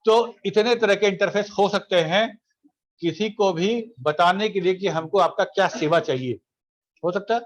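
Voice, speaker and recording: Casting: middle-aged lecturer, male, high voice, chatty teaching tone, keeps asking the class if they follow. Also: moderate pace. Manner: conversational, repeats phrases, asks students questions. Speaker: college lecturer.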